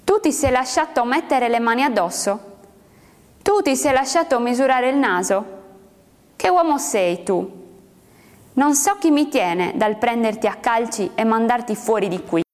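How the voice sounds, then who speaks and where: A woman voicing a furious old male prisoner who shouts in indignation, recorded with a long reverb. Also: on the high side, animated, moderate pace, hardly any pauses, lightly acted.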